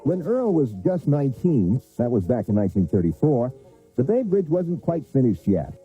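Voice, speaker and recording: A male news reporter narrates a feature with a lively, rising and falling pitch. The sound is thin and tinny, like an old VHS broadcast, with faint music under the voice. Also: normal speed.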